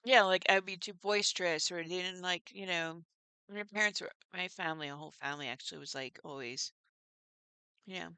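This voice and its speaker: A middle-aged woman hosting her first livestream, talking to viewers by name and laughing often. Her voice sits fairly low yet sounds bright and smooth, with plenty of gravelly fry. The sound is close and dry. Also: brisk, no echo. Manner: chatty, laughs often, warm toward viewers. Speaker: livestream host. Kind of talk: casual chat with live viewers.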